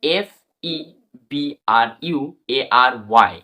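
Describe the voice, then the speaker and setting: A man with a Bengali accent teaching an English pronunciation lesson, spelling out words letter by letter and repeating them slowly. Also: mid-range voice, big pitch swings, pushed and bright.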